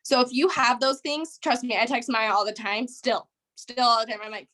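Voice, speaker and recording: A young woman with a slightly high voice leads a team training call in a casual, upbeat pep talk. She rambles and fills her sentences with "like" and "um". Her voice comes through a video call mic. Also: fairly even intonation, moderate pace, bright, forceful tone. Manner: rambling, chatty, heavy on "like" and "um".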